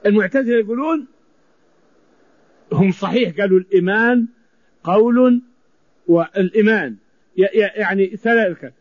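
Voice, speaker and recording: A male preacher delivers a sermon in a high voice. He drives his points home by repeating phrases. The recording is dry and dull, lo-fi in quality. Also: normal speed, pauses often, no echo. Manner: emphatic, repeating phrases for stress.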